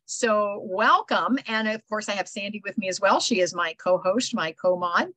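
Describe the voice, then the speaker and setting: A woman's voice: medium pitch, moderate pace, pushed and bright, no room sound, poor audio. An older woman, hosting a casual video call meetup, chatty and rambling with lots of fillers. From Ohio. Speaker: host. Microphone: video call microphone.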